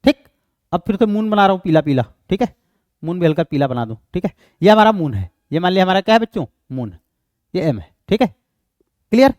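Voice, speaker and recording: A man's voice: sits high, big pitch swings, a little mellow, dry recording, clean studio sound. A man with an Indian accent giving an exam-prep lecture, explaining step by step and answering his own questions. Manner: reads English question text slowly. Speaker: teacher.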